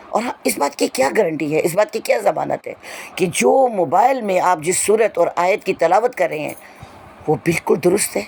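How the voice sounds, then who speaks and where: A woman's voice: lowish voice, gravelly, a little mellow, slight background noise. A woman teacher explaining a poem to her students in an earnest, lecturing way, with repeated rhetorical questions. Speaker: Urdu teacher. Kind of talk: explanatory lesson, addressing students.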